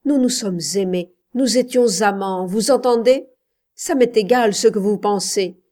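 A woman's voice: on the low side, fairly even intonation, a little slow, darkish tone, lightly acted. Woman voicing a defiant, cold wife. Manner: curt, defiant replies.

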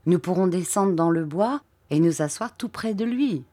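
A woman reading the lines of a young man courting a girl, speaking softly and hushed. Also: fairly low pitch, animated, moderate pace, dry recording. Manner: soft, hushed delivery.

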